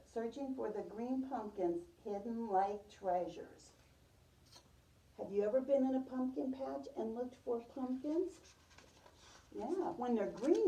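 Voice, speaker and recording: During storytime with a preschool group, a female teacher reads a picture book aloud and asks questions, echoing and praising what the kids answer. Her voice is slightly high and mellow, picked up by a distant mic in a roomy space.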